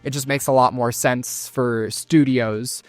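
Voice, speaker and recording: Man, medium-pitched, casual explainer in conversation, close dry sound over music. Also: fairly even intonation, measured pace, no room sound. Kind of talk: casual chat, speculating.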